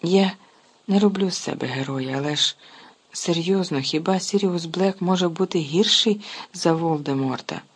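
A reader voicing an anxious, brave teenage boy wizard who talks hurried and raised in a husky voice. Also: medium pitch, close to an everyday voice. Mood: eager, anxious.

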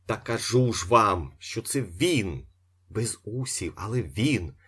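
A man voicing an irritable, ironic male locksmith who shouts and sneers in a husky voice. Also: fairly low pitch, expressive, slow pace, full character voice. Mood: sneering.

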